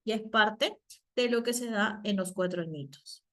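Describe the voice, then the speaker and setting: A Peruvian psychologist giving a virtual class on a video call, often asking the class questions and using many fillers and tag questions. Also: female voice, mid-range voice, moderate pace, fairly bright tone. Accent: Peruvian Spanish. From Peru. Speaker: psychologist and teacher.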